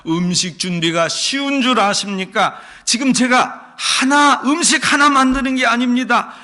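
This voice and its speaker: A man's voice: very high-pitched, a little slow, sharp tone, pitched above the performer's own voice, full character voice. A male preacher voicing an exasperated, busy woman who bluntly complains to her guest. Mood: aggrieved.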